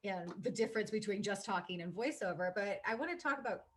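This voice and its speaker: A woman's voice: medium pitch, lively intonation, fast talker, slight background noise. Enthusiastic woman host and voice teacher, interviewing over a video call, mid-range voice. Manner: eager, enthusiastic. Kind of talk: casual interview chat.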